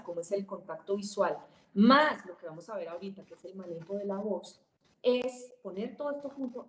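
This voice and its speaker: Woman coaching public speaking online, plays with loud and soft and slow, roomy echo. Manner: lively, dramatic shifts of pitch, volume and pace to demonstrate. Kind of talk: webinar lesson.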